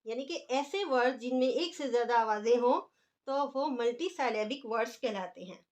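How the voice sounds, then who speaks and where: A woman's voice: a little high, moderate pace, a little mellow. A woman teaching an English grammar lesson, explaining patiently and stretching out example words as she writes them.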